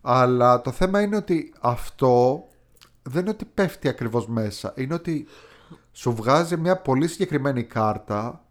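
A man's voice: medium pitch, expressive. A man co-hosting a podcast in casual chat, telling stories in a rambling way with many fillers. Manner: rambling, filler-heavy storytelling. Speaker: podcast co-host.

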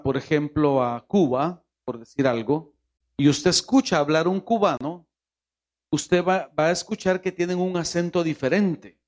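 A man's voice: fairly high pitch, a little mellow. A man from Honduras with a Honduran Spanish accent, a pastor who prays with pleading repetition and then preaches, asking the congregation rhetorical questions. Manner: pleading, repeating "Señor" in prayer. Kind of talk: sermon with prayer.

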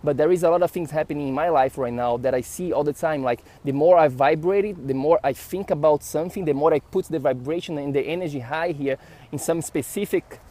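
A man from Brazil with a Brazilian Portuguese accent, a podcast host telling a story casually to camera in an animated, rambling way. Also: a little high, brisk. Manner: animated, rambling with fillers and restarts.

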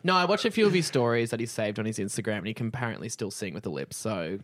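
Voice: medium pitch, expressive, racing, dry recording, studio quality. A podcast co-host, bantering and teasing in casual chat, swearing freely.

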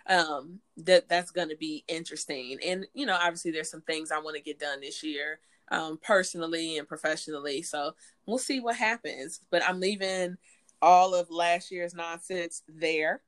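A woman in her late twenties co-hosting a podcast in casual chat, frank and quick to laugh. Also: lowish voice. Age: late 20s. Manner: chatty, laughs often, frank. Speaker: podcast co-host.

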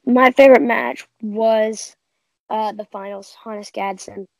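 Gravelly-voiced woman co-host talking sports. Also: on the high side, steady tone, measured pace, darkish tone, dry recording, poor audio. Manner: confident, opinionated predictions. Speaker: podcast co-host. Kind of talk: casual sports chat.

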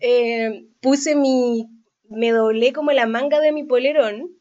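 A woman with a Chilean accent, hosting a podcast and telling a story in casual chat, animated, laughing often and acting out what people said. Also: fairly high pitch, takes it slowly, dull audio. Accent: Chilean Spanish. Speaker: podcast host.

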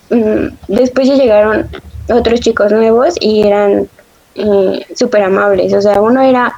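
A woman's voice: medium pitch, creaky, mellow. A young woman, chatting casually and telling stories with frequent laughs. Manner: chatty storyteller, laughs often, self-described sensitive. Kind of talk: casual chat. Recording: dull lo-fi audio.

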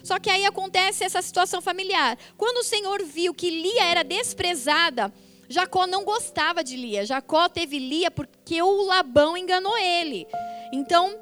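High-voiced woman preaching with emphatic energy. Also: soft background music. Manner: animated, emphatic preaching with quick asides. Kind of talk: sermon.

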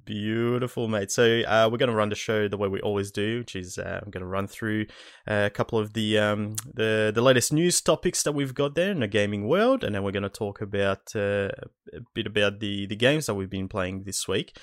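A man's voice: fairly low pitch, fairly quick, no room sound, clean studio sound. A man hosting a podcast in a casual, matey, complimentary chat style. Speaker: podcast host.

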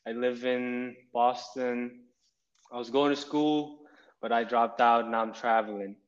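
A man of twenty-one from Nepal talks as a podcast guest in an easygoing, meandering way, circling back on himself. His voice sits at an ordinary male pitch. It reaches us over a muffled, lo-fi remote line. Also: steady tone, a little slow. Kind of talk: casual interview chat.

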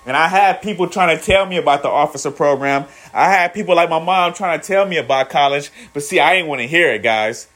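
A man in his thirties talks loosely to his viewers in a profane motivational vlog. He rambles, repeats himself, and keeps calling them "guys". His voice sits a little high for a man. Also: fairly quick, hardly any pauses, a bit bright. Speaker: vlogger. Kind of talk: casual motivational monologue.

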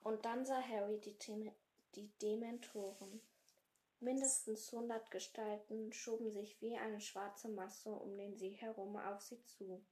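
A woman reading a fantasy novel aloud in a slow, hushed storytelling manner. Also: mid-range voice, steady tone, a little hiss or hum. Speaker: podcast host reading aloud. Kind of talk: slow dramatic read-aloud.

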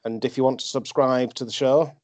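This podcast host chats casually about wrestling in review style, speaking a little fast. His mid-range voice is steady and darkish. The recording is dry, made on a dull lo-fi microphone.

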